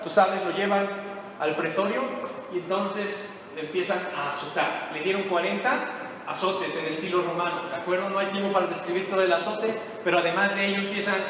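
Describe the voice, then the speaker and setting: High bright-voiced preacher in echoing hall. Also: male voice, steady tone, brisk, crowd noise. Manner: dramatic retelling, asks the congregation questions. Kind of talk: sermon. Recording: very echoey hall with long reverb.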